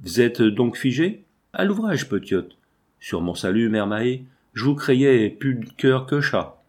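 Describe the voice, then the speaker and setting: A man's voice: medium pitch, expressive, unhurried, a little mellow. A man voicing a brusque, sceptical old peasant washerwoman in a storybook reading, with a scolding, mocking manner.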